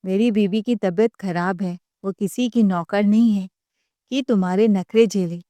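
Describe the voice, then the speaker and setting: Stern elder brother, harsh rebuking tone, middle pitch, dry sound, read by a woman. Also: unhurried, dark tone, no room sound, natural voice. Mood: stern angry. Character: angry protective elder brother, adult man.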